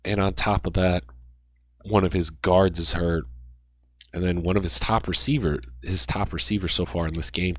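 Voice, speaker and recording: Young male gamer, low voice, dry close mic, calls plays like a sportscaster and rambles. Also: dry recording. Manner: excited sportscaster-style calls, rambling asides. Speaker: gaming YouTuber. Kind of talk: play-by-play commentary over a video game.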